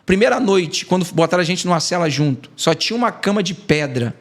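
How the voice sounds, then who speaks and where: A Brazilian evangelist, appearing as a podcast guest, gives an emotional testimony, telling it animatedly and acting out the quoted dialogue. He has a high voice and speaks fairly quickly.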